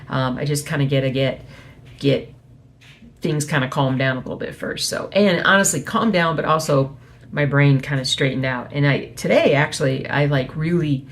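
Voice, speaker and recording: Quiet, low-voiced woman chatting at night. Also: moderate pace. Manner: speaking quietly at night so as not to wake someone; rambling, informal, self-correcting. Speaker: host of a weekly cross stitch video update. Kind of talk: casual chat. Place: small home office.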